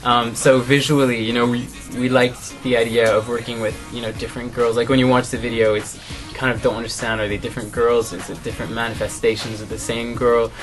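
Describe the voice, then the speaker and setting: A young man from Canada, a singer, answering interview questions in a relaxed, thoughtful way with many fillers. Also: medium pitch, a little fast, few pauses, music in the background. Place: music studio, indoors.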